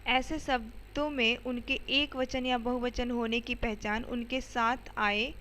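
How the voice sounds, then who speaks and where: A woman's voice: fairly high pitch, fairly even intonation, slow pace, bright, forceful tone, slight background noise, low-quality recording. A woman teacher explaining grammar to schoolchildren step by step, often checking in with "okay" and asking the students questions. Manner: addresses students directly with questions.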